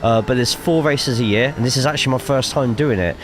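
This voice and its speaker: A man's voice: medium pitch, a little fast, music in the background. A man with a cough giving casual, chatty live commentary while streaming a sim racing game, swearing freely and reading chat aloud.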